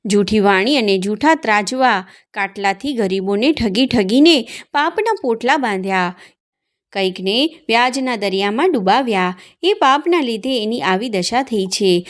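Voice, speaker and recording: A woman narrates a devotional fasting tale in an even, recited manner. Her voice sits fairly high. She keeps a steady storytelling pace.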